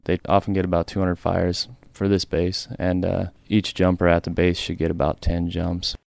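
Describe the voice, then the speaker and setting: A man who works as a smoke jumper, explaining his job in plain, relaxed interview answers. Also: low voice, moderate pace, vocal fry, no room sound, studio quality.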